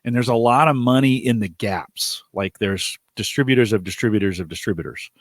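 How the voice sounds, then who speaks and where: A man's voice: on the low side, a little fast, no room sound, studio quality. A man co-hosting a casual podcast chat, talking thoughtfully and often restarting his sentences. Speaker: co-host.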